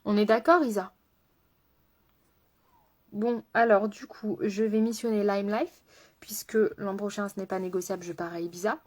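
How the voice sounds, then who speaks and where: A woman's voice: mid-range voice, fairly even intonation, moderate pace, pauses often, a little mellow. Chatty French-speaking woman doing makeup live. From France. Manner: chatty, laughs often, answers viewers by name. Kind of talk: casual live-stream chat while doing makeup.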